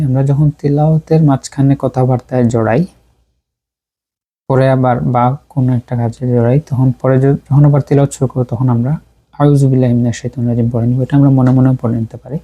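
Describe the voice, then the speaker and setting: A man with a deep, mellow, very dark voice teaches Quran recitation. He breaks words into single sounds and repeats them one by one. His delivery stays patient and steady throughout the lesson. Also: muffled recording. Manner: patient, repeats syllables slowly to drill pronunciation. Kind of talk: tajweed lesson.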